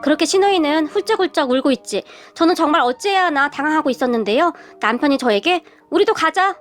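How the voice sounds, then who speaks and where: A woman's voice: sits high, lively intonation, fast, faint music behind. A woman narrating a family drama in first person, chatty and dramatic.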